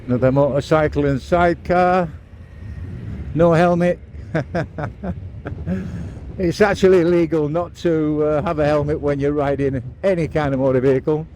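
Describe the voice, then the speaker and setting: A man's voice: a little high, fairly even intonation, normal speed, a little mellow, a little hiss or hum. A man with an English accent giving chatty, matter-of-fact tour-guide commentary for a casual vlog, recorded outdoors while riding a scooter. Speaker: motovlogger. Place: outdoors, riding a scooter along a beach road.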